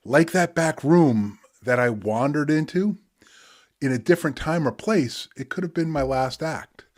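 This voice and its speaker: A man's voice: on the high side, measured pace, darkish tone. Reflective man talking conversationally to his audience. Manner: conversational, explanatory. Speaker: poet and presenter.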